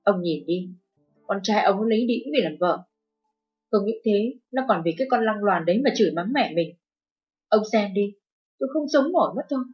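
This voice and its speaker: A woman's voice: medium pitch, animated, brisk, pauses often, natural voice. A woman voicing an abusive, furious middle-aged mother-in-law who shrieks and wails, in a narrated audio story. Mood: wailing. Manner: screeching, abusive, wailing. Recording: dull lo-fi with faint music.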